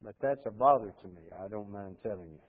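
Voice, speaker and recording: A man preaching a Bible lesson in an earnest, admonishing way, with formal old-fashioned oratory, deliberate emphasis and rhetorical questions. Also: on the low side. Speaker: preacher teaching a church Bible class. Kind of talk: sermon, Bible teaching. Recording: dull, band-limited sermon recording.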